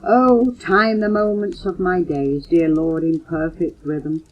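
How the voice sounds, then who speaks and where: An older mother with a low voice reads poems aloud for her children, announcing titles and authors in a measured, earnest, unhurried recitation with fairly even intonation. It was captured on a home cassette recorder, so the sound is muffled, dull, and lo-fi with a little hiss or hum.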